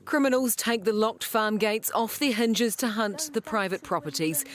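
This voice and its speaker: A woman's voice: fairly high pitch, moderate pace. A woman with a New Zealand accent narrating a scripted news report as a reporter.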